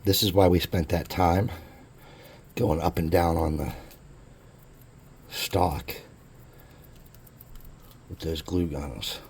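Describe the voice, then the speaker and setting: A man's voice: deep voice, steady tone, slow pace, long pauses, a little mellow, slightly rough. A man hosting a casual hobby crafting tutorial, chatting in a laid-back, jokey way as he works. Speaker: crafting channel host.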